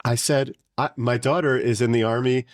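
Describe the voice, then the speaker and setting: A man's voice: medium pitch, fairly even intonation, moderate pace, dry recording, studio quality. A middle-aged man co-hosting a podcast, chatting casually in a rambling, joking, self-mocking way. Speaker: podcast co-host. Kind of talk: casual comedic chat.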